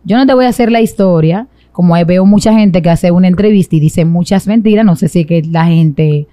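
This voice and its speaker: A young Dominican woman with a Dominican accent talks about her own life as a guest in an interview, set in a small indoor studio with a sofa. She speaks a little fast in a fairly low, mellow voice, captured dry by a boom-arm mic close to her mouth.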